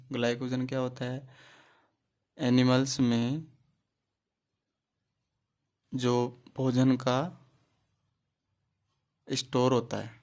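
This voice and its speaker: In this biology class aimed at exam preparation, the male teacher speaks in a darkish, mid-range voice. Key terms come up again and again, and he answers the questions he asks.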